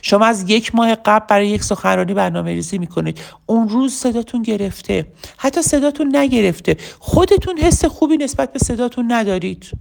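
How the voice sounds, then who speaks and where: A woman's voice: fairly high pitch, gravelly. A middle-aged woman teaching public speaking. She asks rhetorical questions and acts out sample speeches to make her points. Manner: animated, rhetorical questions, plays out example speeches. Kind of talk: teaching talk, addressed to listeners.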